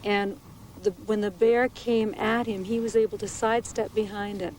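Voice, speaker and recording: A woman who works as a naturalist and park ranger, speaking in a documentary interview in a measured, halting way with small restarts. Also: mid-range voice, little pitch movement, a little mellow, a little hiss or hum, rough recording. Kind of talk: interview recounting a bear attack. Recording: 1980s VHS documentary interview.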